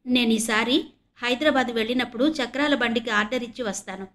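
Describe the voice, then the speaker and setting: Woman reading a gentle, reserved young man. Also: fairly high pitch, brisk, a little hiss or hum, close to an everyday voice.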